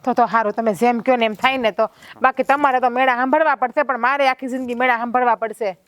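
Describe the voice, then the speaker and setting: A woman playing a sharp-tongued village wife who taunts her husband in a family drama. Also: a little high, fairly even intonation, fast, no echo, natural voice. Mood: taunting.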